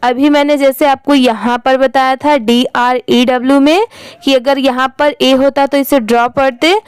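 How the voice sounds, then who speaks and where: Woman, high voice, dry close recording, spelling words aloud letter by letter. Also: fairly even intonation, smooth, no room sound, poor audio. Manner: spells words letter by letter, then says them slowly. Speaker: English reading teacher. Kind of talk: slow spelling-out reading lesson.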